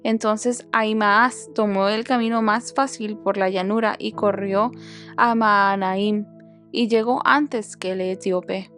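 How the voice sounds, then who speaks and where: A woman reading a Bible passage aloud for a podcast in a steady, measured storytelling voice. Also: a little high. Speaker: Bible reader, podcast host.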